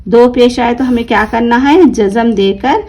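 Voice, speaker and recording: A woman's voice: on the high side, unhurried, a little mellow, low-quality recording. Woman teacher quizzing her class. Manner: asks the class questions and answers them herself; drawls and stretches the words she reads out as examples. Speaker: Quran reading teacher. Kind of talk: explaining a lesson to learners.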